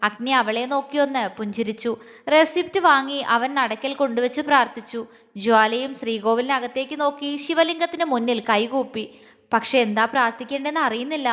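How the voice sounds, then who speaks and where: A woman storyteller reads a romance story aloud in a gentle, expressive way. Her voice sits high and sounds bright. A long reverberant tail hangs on her words. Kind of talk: scripted romance story narration.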